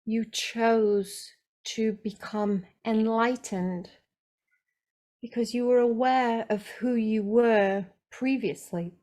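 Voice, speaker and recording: A woman channeling a serene male ascended spirit, speaking slowly and gently, repeating phrases as a spiritual message. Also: a little high, fairly even intonation. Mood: tender, solemn.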